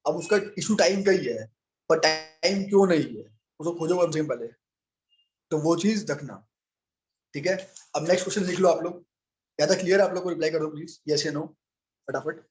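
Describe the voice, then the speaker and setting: A man's voice: on the high side, moderate pace, pauses often, darkish tone. A young man leading a training session, coaching listeners on how to answer objections and acting out both sides of the conversation. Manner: coaching, addresses listeners as sir, role-plays both sides. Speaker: business trainer. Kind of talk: training talk on handling objections.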